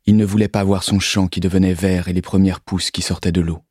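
A man calmly reading a children's story aloud in a measured, scripted narration. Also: sits low, no echo, studio quality.

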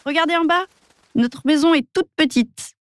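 A woman voicing a sulky, lively little girl in a children's storybook, talking high and excitedly. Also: normal speed, no room sound, natural voice.

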